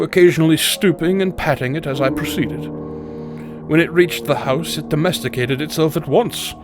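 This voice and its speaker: A tormented gothic narrator, acted by a man in a theatrical horror reading. His phrasing is formal and deliberate, stretched out for drama as he confesses dark deeds. The voice sits at a medium pitch, with prominent music underneath. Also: natural voice. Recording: music behind the voice.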